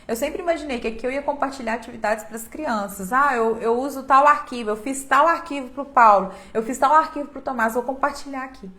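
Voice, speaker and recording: A woman's voice: high voice, a little fast, few pauses. A young Brazilian woman talking heartfelt and emotional on a phone live stream, often restarting her sentences. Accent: Brazilian Portuguese. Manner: emotional, earnest, with many restarts and soft laughs.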